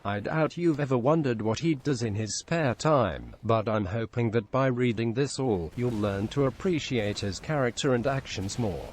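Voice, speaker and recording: A synthetic text-to-speech male voice reading a written story aloud in a flat, even machine delivery. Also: mid-range voice, moderate pace, hardly any pauses, a little hiss or hum. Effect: synthetic text-to-speech computer voice.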